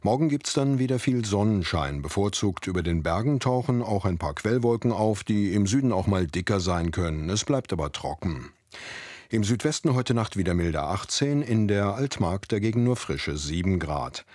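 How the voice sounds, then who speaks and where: A man presenting the weather forecast with smooth, even delivery. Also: on the low side, normal speed, dry recording, studio quality.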